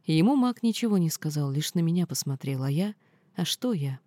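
Warm-voiced woman reading a folksy tale. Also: sits low, expressive, brisk, no room sound. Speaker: audiobook narrator. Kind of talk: first-person storybook narration.

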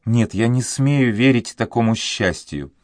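A man's voice: mid-range voice, lively intonation, measured pace, no room sound, studio quality, voice pushed up, lightly acted. A man voicing a sorrowful sixteen-year-old girl in love, speaking in a sad, pleading way. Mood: wistful. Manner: sad, pleading, soft-spoken.

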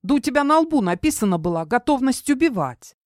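A woman reading an audiobook, voicing a jumpy, sharp-tongued young woman who gabbles fast and snaps back. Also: high voice, sing-song, no echo, clean studio sound, voice pushed up. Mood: snappy. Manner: rapid, flustered, snapping.

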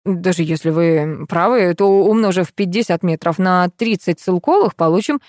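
A woman's voice: lowish voice, normal speed, a little mellow, dry recording, lightly acted. Woman playing a fed-up young husband, pedantic, irritated, dry close sound. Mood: exasperated. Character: exasperated young husband arguing over money.

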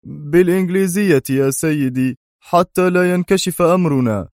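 A terrified captive, as a male narrator puts him on, pleading and yielding. His voice climbs far above the reader's normal pitch, close and dry. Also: normal speed, darkish tone, dry recording, lightly acted. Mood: fearful. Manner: fearful, pleading. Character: frightened captured male agent, submissive.

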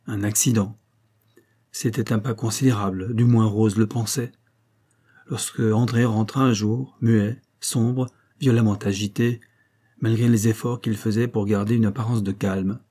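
A man narrating a classic novel in a measured, even reading voice. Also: fairly low pitch. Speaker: audiobook narrator. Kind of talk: scripted narration.

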